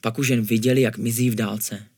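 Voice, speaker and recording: A man reading a spooky children's story aloud in a calm, even way, his voice sitting at an ordinary middle pitch. The recording is close and dry, with no echo around him. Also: breathy edge. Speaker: narrator. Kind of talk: storybook narration.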